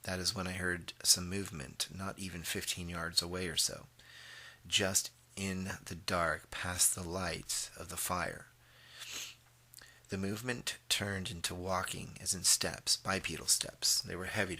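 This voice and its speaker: A man narrating a first-person story, halting now and then with fillers and throat clearing. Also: sits low, pushed and bright.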